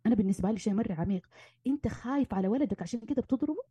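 A woman, a marriage and family therapist giving animated advice in casual conversation and slipping in English terms. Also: a little high, racing, breathy edge, no echo. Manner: animated, acts out arguments, mixes in English terms.

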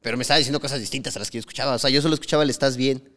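A man's voice: medium pitch, very fast, bright, forceful tone, big-room sound. A young man with a Mexican accent, co-hosting a podcast and telling a story in casual, slangy chat, acting out what people said. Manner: slangy storytelling, acts out quotes. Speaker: podcast co-host.

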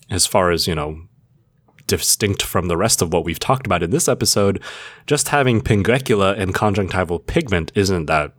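A man's voice: deep voice, lively intonation, moderate pace, no room sound, studio quality. A man co-hosting a casual educational podcast, walking through medical facts with playful mnemonics. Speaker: podcast co-host.

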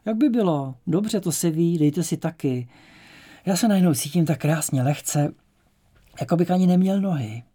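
A man's voice: high voice, hardly any pauses, dark tone, breathy edge, pitched above the performer's own voice. Myška, a man voicing a whiny young prisoner. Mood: elated. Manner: plaintive, pleading. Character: young male prisoner, frightened, whining.

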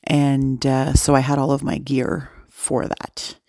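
A woman's voice: rumbling low, monotone, slow, warm tone, dry recording. Gal rambling into her phone, lots of ums, kinda bummed, dry close sound. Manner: rambling, with many fillers and restarts. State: dejected. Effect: recorded on a phone. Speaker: podcast host. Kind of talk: casual update to listeners.

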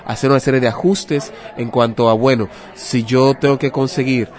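Here the same Dominican finance adviser, a guest on an interview, talks at a moderate pace with a medium pitch, a darkish tone, and fairly even intonation. His Dominican Spanish accent carries a didactic delivery full of rhetorical questions and examples.

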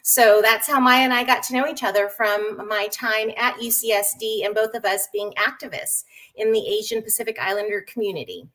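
A middle-aged woman from San Diego, born in Japan, chatting as a guest with many hesitant pauses. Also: medium pitch, steady tone, a bit bright. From born in Japan, raised in San Diego. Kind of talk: casual conversation.

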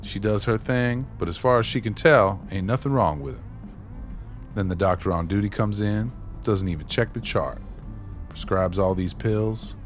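With soft music underneath, a man with a lowish voice speaks at a moderate pace, only lightly acted. His character in the radio play is a wry, streetwise former maintenance man recalling the old days with folksy, colloquial storytelling.

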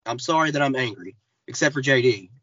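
A man's voice: medium pitch, animated, brisk, pushed and bright, highs cut off, a little hiss or hum. A man on a casual podcast who talks in an angry, sarcastic way. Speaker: podcast regular.

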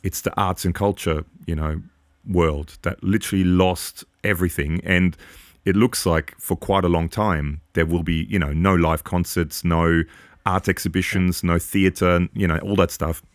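This podcast co-host, a man in his 40s, chats casually and shares earnest opinions that ramble on at length. He speaks at a moderate pace in a low voice with fairly even intonation, captured in a clean, echo-free studio recording.

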